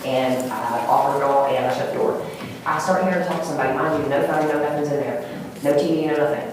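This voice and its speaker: A woman gives rambling, emotional courtroom testimony in a quick rush of words, heavy with fillers. Her voice sits a little low. She is picked up by a distant mic in a very echoey, noisy courtroom. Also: steady tone.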